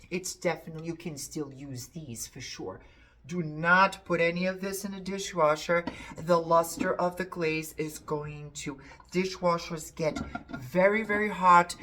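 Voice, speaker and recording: ゆったり話す低めの声の女性. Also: female voice, lowish voice. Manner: chatty, repeats words for emphasis. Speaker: antiques reseller showing a haul. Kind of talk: casual chat to camera.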